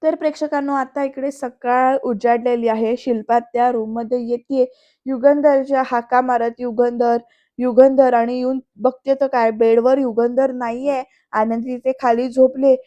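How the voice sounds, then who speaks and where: High-voiced chatty woman recapping episodes. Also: fairly even intonation, normal speed, dark tone, dry recording, dull audio. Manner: chatty, addresses viewers directly. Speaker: serial episode reviewer.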